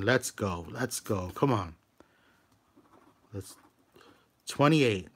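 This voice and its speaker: A man's voice: medium pitch, fairly bright tone. A man hosting a live stream, scratching lottery tickets, greeting viewers by name and urging each ticket on. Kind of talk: casual live-stream commentary.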